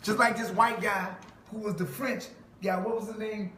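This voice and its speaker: High-voiced man preaching in an echoey room. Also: steady tone, moderate pace, a bit bright. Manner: emphatic, quotes scripture, laughs mockingly. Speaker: self-styled preacher. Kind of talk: preaching monologue to a listener. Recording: echoey room with faint noise.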